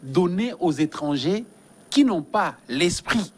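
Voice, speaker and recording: A man's voice: sits high, animated, slow, breathy edge. A man from DR Congo, a guest giving earnest, emphatic political commentary in a studio interview and often repeating his phrases.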